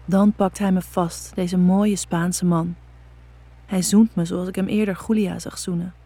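A woman reading a scripted story in a soft, intimate, unhurried way with a husky voice. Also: lowish voice, fairly even intonation. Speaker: narrator. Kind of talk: scripted erotic story narration.

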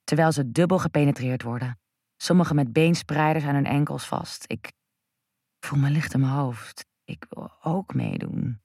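Breathy, husky woman narrating intimately. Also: deep voice, normal speed, dry recording, clean studio sound. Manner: hushed, intimate, drifting into whispers. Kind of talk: first-person erotic story narration.

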